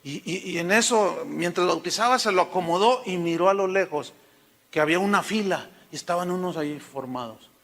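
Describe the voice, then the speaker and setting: A Mexican-accented pastor preaching in a high, bright voice, telling homely stories and calling listeners "brother". His sermon rings through a long reverb in a church. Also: brisk. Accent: Mexican Spanish. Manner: folksy storytelling, addresses listeners as hermano.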